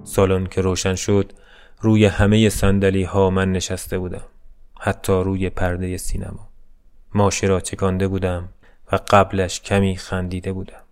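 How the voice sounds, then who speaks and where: A man narrating a short story in a measured, subdued reading. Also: low voice, monotone, darkish tone, clear, resonant tone.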